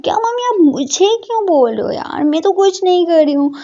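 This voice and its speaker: A woman's voice: extremely high pitch, sing-song, brisk, warm tone, pitched above the performer's own voice, exaggerated voice. A woman voicing a teasing playful young sister. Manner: playful, teasing, repeats words. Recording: dull lo-fi recording.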